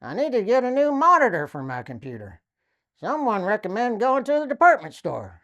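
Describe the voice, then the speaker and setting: A woman's voice: fairly high pitch, a little fast, lo-fi sound. A woman comedian telling silly jokes and short stories, jumping into acted quotes. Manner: lively storytelling with acted quotes.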